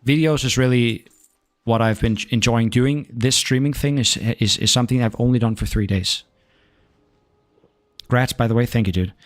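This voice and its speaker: A young man from Denmark, Danish-accented, speaks at a moderate pace with medium pitch and fairly even intonation. It's relaxed gaming-stream chatter aimed at his viewers, with occasional casual swearing.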